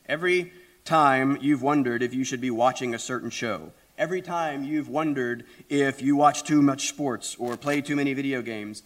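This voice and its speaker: Hoarse man preaching a sermon. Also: fairly high pitch, a bit bright. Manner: deliberate, emphatic phrasing with rhetorical questions. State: hoarse, voice strained from illness. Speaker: pastor.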